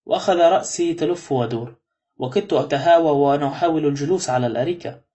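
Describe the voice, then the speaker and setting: A man narrating a novel in the first person at a brisk, steady pace. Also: on the high side. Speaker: audiobook narrator.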